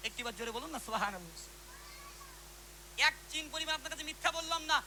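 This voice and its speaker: Fast, high-voiced preacher. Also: male voice, slight background noise, low-quality recording. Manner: animated, calls out to the crowd. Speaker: ghazal singer and preacher. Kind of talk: storytelling religious talk to a live audience.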